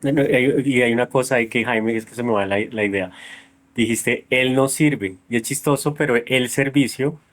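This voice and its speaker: A man's voice: mid-range voice, moderate pace, a bit bright. A man with a Colombian accent explaining his ideas at length in a reflective conversation. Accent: Colombian Spanish. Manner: explanatory, thinks aloud. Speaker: psychologist host.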